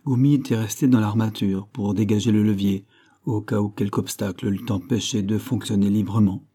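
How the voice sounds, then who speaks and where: A man's voice: fairly even intonation, brisk, warm tone. A man reading a classic adventure novel aloud, lifting his voice for the characters' lines. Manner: reads dialogue with raised pitch and force. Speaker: audiobook reader. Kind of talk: scripted narration of a classic novel.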